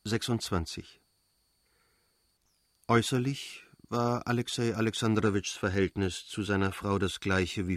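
A man reading a novel aloud as an audiobook narrator, in measured, even storytelling. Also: on the low side, dry recording, clean studio sound. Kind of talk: scripted narration.

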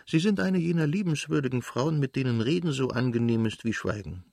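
An affectionate old countess who chatters fondly and fusses over those she likes, as a male narrator puts her on. The voice is lifted high above his own, and the reading is close and dry. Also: animated, brisk, vocal fry, a little mellow, no echo. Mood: doting. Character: elderly aristocratic countess, fond, gushing mother.

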